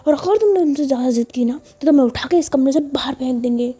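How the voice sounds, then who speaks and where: A woman's voice: high-pitched, normal speed, warm tone. A woman voicing an angry young woman who scolds and threatens.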